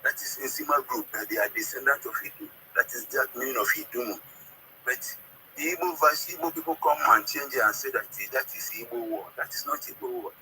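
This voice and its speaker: Calling in with a sing-song, sharp, medium-pitched voice, a southern Nigerian man with Ika as his first language talks through history haltingly in his regional accent. He repeats words and keeps checking he is understood, and the call audio is noisy.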